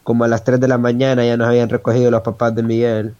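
A young man, calmly narrating part of a wild night to his friends. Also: medium pitch, fast talker, a crowd in the background. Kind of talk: casual chat, storytelling among friends. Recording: dull lo-fi sound.

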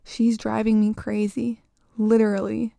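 A teenage girl in a spooky story, moody toward her mother and shaky with fear, played by a woman. The voice sits a touch above the narrator's, with a gravelly undertone and a dark tone. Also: fairly high pitch, little pitch movement, unhurried, dry recording. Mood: muttering. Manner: defiant with her mother, then frightened and stammering. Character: scared, sulky teenage girl.

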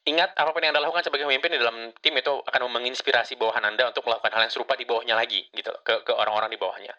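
A middle-aged man talks quickly in a casual solo podcast, his voice bright and forceful, peppering his points with little tag words. The mic sits a bit away from him and the sound is dull and lo-fi. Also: medium pitch, fairly even intonation. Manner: fast, conversational, frequent fillers and tag words. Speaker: podcast host. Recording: slightly distant, dull lo-fi mic.

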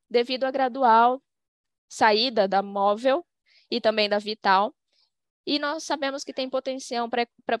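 Brazilian woman interpreting, fairly high voice. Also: no room sound, studio quality. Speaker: simultaneous interpreter. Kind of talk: corporate results presentation, live interpreting.

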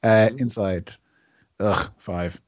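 An eager Irish man at a tabletop game, thinking out loud about his character's next move. His voice sounds close and dry. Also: on the low side, steady tone, no echo. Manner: eager, quick asides. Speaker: player. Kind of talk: casual tabletop chat.

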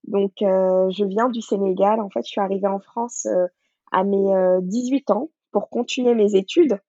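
A woman's voice: medium pitch, steady tone, moderate pace, dark tone, dry recording, lo-fi sound. A woman in her thirties from Senegal, a podcast guest speaking hesitantly with many fillers and frequent laughs. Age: 30s. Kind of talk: casual interview chat.

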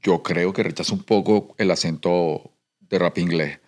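Deep-voiced man, hesitant and relaxed. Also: unhurried. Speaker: podcast guest, rapper. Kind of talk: casual chat.

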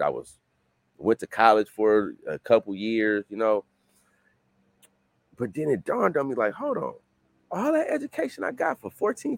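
A man in his late thirties, a guest author talking casually in an interview, loose and repetitive, jumping into excited bursts. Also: on the low side, gravelly. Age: 30s. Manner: loose, repetitive, rising to excited bursts when quoting himself.

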